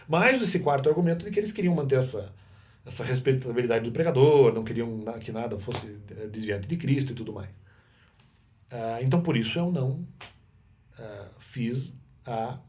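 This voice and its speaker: A man's voice: medium pitch, darkish tone. A man in an unscripted monologue, rambling with many restarts and self-corrections. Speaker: vlogger.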